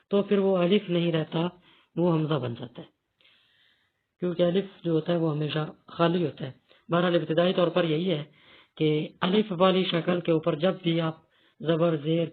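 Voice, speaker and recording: A male teacher giving a step-by-step beginner reading lesson, patiently explaining and repeating key points. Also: a little high. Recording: tinny phone-like audio.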